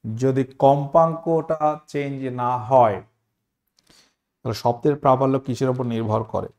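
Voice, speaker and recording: A man's voice: medium pitch, fairly even intonation, moderate pace, a little mellow, dull audio. A man teaching an exam-prep science lesson, explaining step by step, repeating key terms and asking the students questions.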